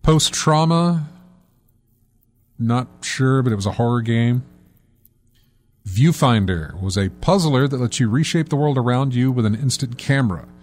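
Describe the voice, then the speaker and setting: A man's voice: medium pitch, animated, a little slow, pauses often. Rambling male gaming podcast host. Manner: rambling, self-correcting, many fillers. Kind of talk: casual gaming podcast chat.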